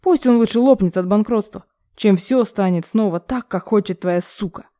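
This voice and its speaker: A woman's voice: mid-range voice, moderate pace, mellow, close to an everyday voice. Woman playing a cool mocking young son. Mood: scornful. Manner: cool, sarcastic. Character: calm mocking young man, jailed son.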